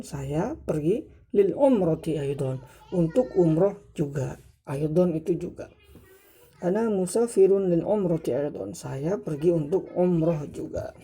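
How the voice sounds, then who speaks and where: A woman teaching an Arabic lesson, reading phrases slowly and translating them word by word, lifting her voice high on each question. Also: dark tone, slightly rough. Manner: lifts pitch sharply to mark questions. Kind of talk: slow recorded language lesson.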